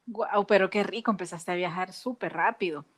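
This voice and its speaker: A woman's voice: medium pitch, moderate pace. A woman hosting a podcast in a casual, enthusiastic, chatty way. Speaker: podcast host.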